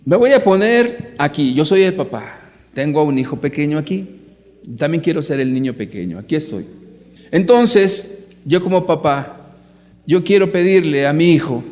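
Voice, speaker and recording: A man's voice: on the high side, animated, moderate pace, a little mellow. A man preaching to a live audience. He speaks emphatically, asks rhetorical questions and addresses his listeners directly. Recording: echoey hall reverb.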